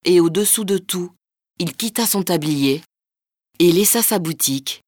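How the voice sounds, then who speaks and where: A woman narrates an old folk tale in a lively, rhythmic storytelling manner. Her voice sits on the low side for a woman. The recording is close and dry. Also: measured pace, no room sound.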